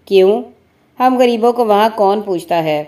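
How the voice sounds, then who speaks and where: A woman's voice: medium pitch, warm tone, natural voice. A woman voicing a poor, injured male laborer who pleads and frets in a spoken story. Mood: pleading. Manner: whining, pleading.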